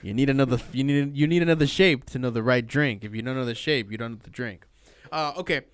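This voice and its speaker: A male podcast host with a smooth, resonant voice talks in an easygoing, slightly hesitant way. The sound is close and dry, with no room around it. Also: mid-range voice, quick pace, no room sound. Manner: easygoing, hesitant, laughs along. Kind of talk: casual chat.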